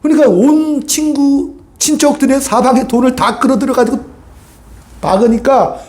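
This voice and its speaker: A pastor's high, gentle, mellow voice carries through a reverberant church room as he preaches at an ordinary pace. He talks to the pews almost conversationally, often prompting them to voice agreement.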